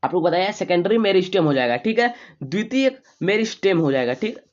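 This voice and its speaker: A man teaching a rapid exam revision lesson. He keeps asking and answering his own questions, reads English questions out slowly, then explains in Hindi. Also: high-pitched, lively intonation. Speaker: online exam tutor. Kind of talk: fast exam revision lecture. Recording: slightly dull lo-fi audio.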